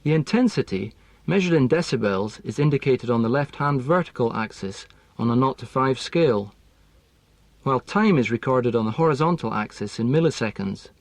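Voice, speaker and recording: A man delivers a scripted lesson on speech and intonation at a steady, precise pace, in a mid-range voice. The recording is dry and close, with no room echo. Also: medium pitch. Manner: measured, precise, explanatory. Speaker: language teaching expert.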